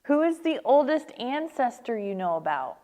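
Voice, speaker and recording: A woman with a slightly high voice acts as the interviewer for an oral history. She puts prepared questions plainly, one after another. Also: very animated, normal speed, mellow.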